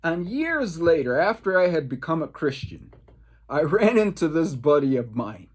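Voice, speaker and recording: This Caribbean pastor's voice is fairly high, sing-song, and slightly rough. During a devotional Bible study, he emphatically recounts personal stories, repeating phrases and pausing for effect.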